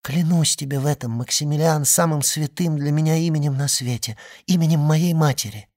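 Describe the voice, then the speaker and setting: A man's voice: a little high, brisk, darkish tone, dry recording, studio quality, close to an everyday voice. A man reading an audiobook and voicing a devoted young woman, pleading in an impassioned, trembling way. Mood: tender.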